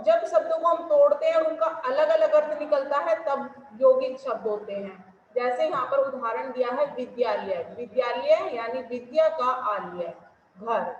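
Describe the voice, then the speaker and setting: A woman's voice: high-pitched, slight background noise. A woman teaching a Hindi grammar class online with a Delhi-region Hindi accent, explaining patiently and asking questions she then answers herself. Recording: echoey room, dull lo-fi sound.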